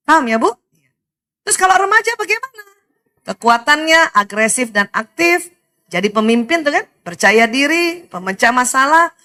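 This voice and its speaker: A middle-aged woman from Indonesia giving a lively religious talk to women, animated, often laughing and speaking straight to her listeners. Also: high voice. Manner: animated, laughs often, addresses audience directly.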